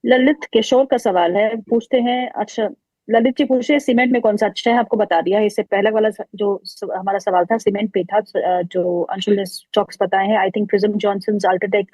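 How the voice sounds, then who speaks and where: A woman's voice: medium pitch, fairly even intonation, normal speed, darkish tone, dry recording, low-quality recording. A woman hosting a live market show, reading out viewer questions in a conversational way. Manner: conversational, reads out questions with small fillers. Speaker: show host.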